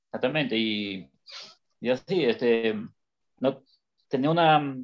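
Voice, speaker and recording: A man in casual conversation, agreeing often and speaking in a measured, halting way. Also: mid-range voice. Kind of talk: casual chat. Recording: dull lo-fi sound.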